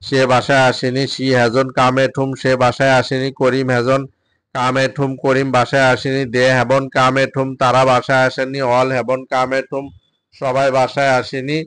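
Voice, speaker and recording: Man, Bengali speaker, English drill teacher, slow sentence-by-sentence reading, clear smooth voice. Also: medium pitch, monotone, fairly bright tone, no room sound. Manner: reads English sentences very slowly, then translates each. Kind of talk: spoken English drill lesson.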